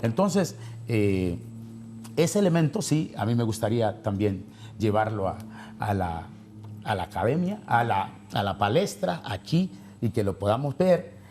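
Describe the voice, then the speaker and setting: A man's voice: fairly low pitch, very animated, a little slow, mellow, slight background noise. A man on a debate panel, talking in an insistent, argumentative way and repeating himself as he presses his point. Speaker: panel guest.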